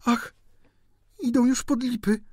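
A man's voice: sits high, normal speed, a little mellow, no echo, studio quality, voice pushed up. A man voicing a timid, tender-hearted young woman who pleads emotionally. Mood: pleading.

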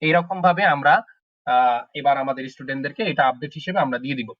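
A man leads an online German lesson, saying each word over and over at a slow, patient pace. His voice comes through a computer mic on a call, so the sound is dull and lo-fi. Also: medium pitch. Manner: slow, repetitive drilling of words. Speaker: German language teacher.

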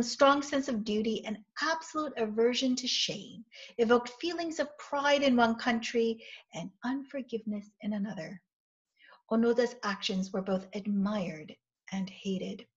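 A middle-aged woman pastor with a voice on the high side preaches a measured, earnest and reflective sermon. She sits facing a webcam in a small indoor office lined with bookshelves. The audio is dull and lo-fi.

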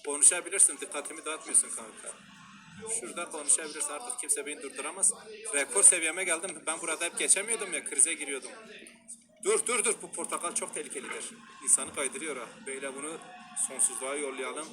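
A man with a regional Turkish dialect, commenting as he plays a frustrating climbing game, swearing, yelling and laughing. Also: on the high side, fast. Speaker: gamer streamer. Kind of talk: gaming commentary. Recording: loud game music behind.

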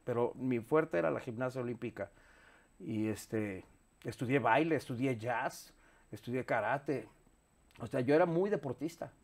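A man in his fifties with a Mexican accent, talking candidly as an interview guest, animated and swearing freely, recorded on a lapel mic in a studio. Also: medium pitch, moderate pace. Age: 50s. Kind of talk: casual interview chat. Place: studio set with sofa.

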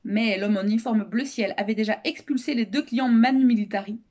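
A woman reading a children's novel aloud as a storyteller, expressive and lively, raising her voice for the characters' shouted lines. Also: fairly quick. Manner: expressive, raises pitch for shouted quotes.

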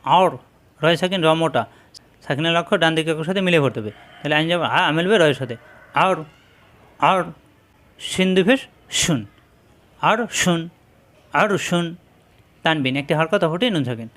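A man with a Bangladeshi Bengali accent, teaching Quran reading and repeating each letter sound slowly and patiently. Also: fairly high pitch, expressive, fairly bright tone. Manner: repeats each sound several times, explains pronunciation patiently. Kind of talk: slow drilled letter-by-letter recitation lesson.

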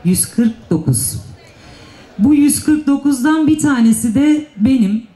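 A woman's voice: high voice, animated, mellow. A woman mayor giving a formal, emphatic panel speech at a podium microphone. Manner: earnest, emphatic speechmaking with drawn-out stresses. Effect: speaking at a podium microphone. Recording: echoey public address sound.

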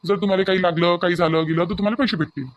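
A man's voice: high-pitched, steady tone, racing, no room sound, natural voice. A man voicing a businesslike loan officer in a village cartoon, explaining terms with a Varhadi Marathi accent.

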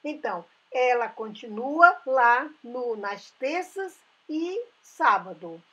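A woman narrates a travel video voice-over. She speaks slowly and carefully, walking through dates and history with small restarts. Her voice sits a little high and has a breathy, husky edge. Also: expressive, fairly bright tone, highs cut off. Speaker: travel channel host.

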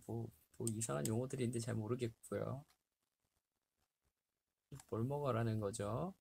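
Chatting with fans on a livestream, a man in his twenties reads health tips aloud and laughs frequently from a small, sparse room. He has a medium-pitched, creaky, slightly rough voice, a little mellow, with a steady tone and moderate pace. A webcam at desk distance captures him.

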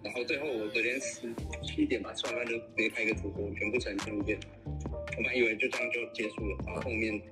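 Guy talking quick on a call, keeps restarting phrases, music clearly behind him. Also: fairly low pitch, steady tone, rough recording. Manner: halting, repeats phrases. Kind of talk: casual chat.

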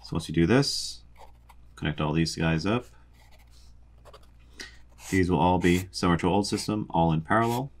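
A young man calmly explains a boat's electrical wiring while drawing a diagram, methodical, with frequent ums. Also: sits low, moderate pace, pauses often. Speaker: sailing vlogger explaining a boat electrical system.

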